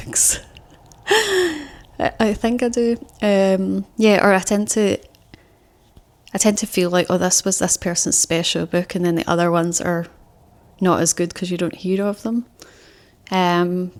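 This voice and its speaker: A young woman chatting casually about favourite books, rambling with many fillers and restarts. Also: on the low side. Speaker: book vlogger. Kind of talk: casual book talk to camera.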